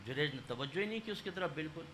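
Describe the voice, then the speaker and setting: High bright-voiced man preaching. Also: expressive, slight background noise. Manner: storytelling, acts out voices in quotes; emphatic, rising to loud stresses. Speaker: religious scholar. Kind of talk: sermon.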